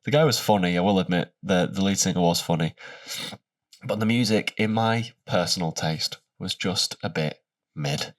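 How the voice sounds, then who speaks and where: A very low male voice, stuffed up with a cold and nasal as though the nose is pinched shut. He chats casually as a podcast co-host, and sounds slightly distant from the microphone. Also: normal speed. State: ill with a cold.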